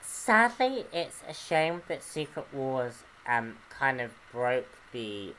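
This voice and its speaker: A man giving an unscripted comic book review, earnest and hesitant, often pausing to search for words. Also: mid-range voice, very animated, bright, forceful tone, slight background noise, rough recording.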